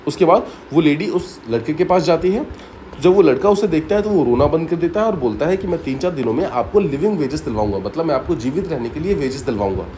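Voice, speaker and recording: Here a man with a fairly high but dark-toned voice tells a story to help exam students remember material. He explains each step in turn, repeats the important points, and adds brief remarks in English, with a little background noise behind him.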